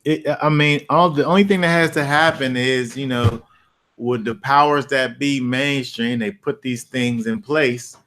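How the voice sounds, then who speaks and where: A man hosting a Bible study discussion, chatting casually and telling loose, animated stories, acting out scenes with playful sound effects. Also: medium pitch, a little slow. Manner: loose, rambling with restarts. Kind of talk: casual chat.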